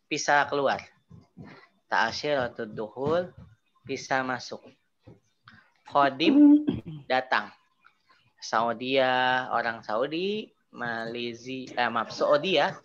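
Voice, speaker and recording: A man's voice: mid-range voice, dull audio, a little hiss or hum. A man teaching Arabic in an online class, explaining patiently and stressing each Arabic word. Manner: explains patiently, repeats terms, lively emphasis on Arabic words.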